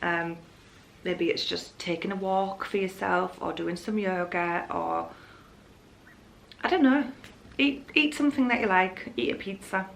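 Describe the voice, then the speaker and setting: A slightly slow, gravelly, mid-range voice belongs to a young Yorkshire woman from Hull who vlogs. She chats candidly and casually, wandering from point to point, while a little hiss or hum sits under the audio.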